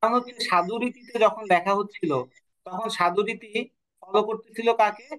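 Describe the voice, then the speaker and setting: A man's voice: sits high, steady tone, a little fast, fairly bright tone, poor audio. A man teaching an online class, asking questions and answering them himself, sometimes correcting himself. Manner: corrects himself mid-sentence. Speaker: Bengali teacher.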